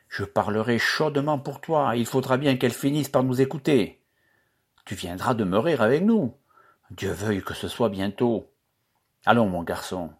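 A man's voice: fairly low pitch, breathy edge. A man reading aloud, voicing a kindly old village father who speaks in a hearty, encouraging way.

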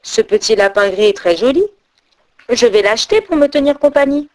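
A woman's voice: fairly high pitch, normal speed, close to an everyday voice. Woman voicing an eager little boy. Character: cheerful small boy at the market.

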